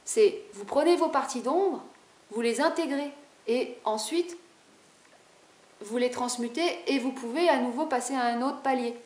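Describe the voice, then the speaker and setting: A woman spiritual vlogger talking fast and animatedly to camera in a casual, rebellious way, with a high-pitched voice. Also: darkish tone, echoey room.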